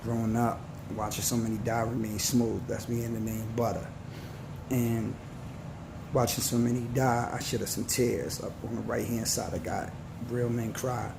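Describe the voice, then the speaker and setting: A man's voice: fairly low pitch, flat delivery, creaky, noisy background. A man in his forties giving an earnest, slangy motivational talk to his viewers. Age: 40s. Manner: earnest, preachy, slangy and slow. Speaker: vlogger.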